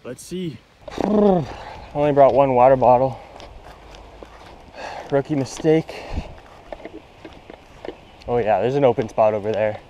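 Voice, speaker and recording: A young man fishing at ponds amid tall grass talks to himself in casual, sarcastic running commentary, filmed on a head-mounted action camera for his fishing vlog. His mid-range, mellow voice has lively intonation, moves slowly, and pauses often. The audio is dull with a little hiss or hum.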